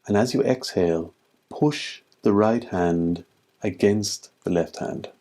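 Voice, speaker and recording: With a fairly low pitch, a man teaching meditation talks his listeners through it, keeping a calm, measured pace and pausing at length.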